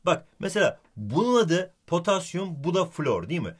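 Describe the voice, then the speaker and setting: In this playful chemistry lesson, the teacher's voice sits high and husky, moving at a moderate pace. He teases his student with animated energy, piling on praise and saying the student's name again and again.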